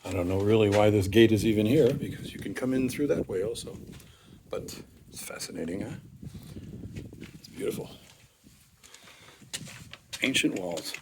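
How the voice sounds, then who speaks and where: A man narrating a casual walking tour of an old fortress outdoors, rambling with many pauses and fillers, recorded on a handheld camera mic. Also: fairly low pitch, background noise. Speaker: tour guide vlogger.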